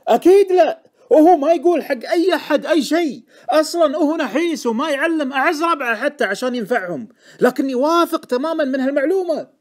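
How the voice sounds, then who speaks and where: A man with a Gulf Arabic accent voicing an excitable, insistent male stock tipster in an audiobook. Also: a little high, moderate pace, pitched above the performer's own voice. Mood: indignant. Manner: insistent, indignant, loud. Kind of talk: audiobook character voice.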